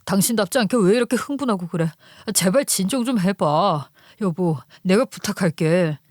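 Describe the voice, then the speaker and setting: 여자가 연기하는 낮고 부드럽게 달래는 남편. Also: female voice, moderate pace, no echo, studio quality, natural voice. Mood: soothing. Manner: soft, placating, low-voiced. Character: calm pleading husband hiding a family secret. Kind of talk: storytelling radio drama reading.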